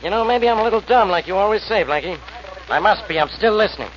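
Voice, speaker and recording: An actor playing a sarcastic, blustering police homicide inspector in a 1940s radio crime drama. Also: male voice, high voice, lively intonation, fast talker. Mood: skeptical. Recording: dull old radio recording, faint noise.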